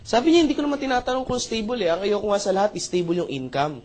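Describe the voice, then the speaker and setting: A young Filipino man giving a motivational business talk, telling a personal story with animated acted-out dialogue and frequent questions to the audience. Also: sits high, quick pace, noisy background. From Philippines. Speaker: motivational speaker.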